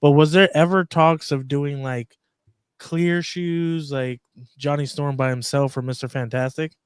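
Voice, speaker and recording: A man's voice: a little high, steady tone, unhurried, smooth, no room sound, studio quality. A man co-hosting a casual podcast chat, asking curious questions.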